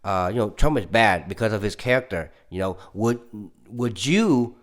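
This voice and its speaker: A man's voice: lowish voice, lively intonation, normal speed. A man from California talking casually and rambling through his opinions, stammering often and growing insistent. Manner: rambling, with frequent restarts and stammers; gets heated and insistent. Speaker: political commentary YouTuber.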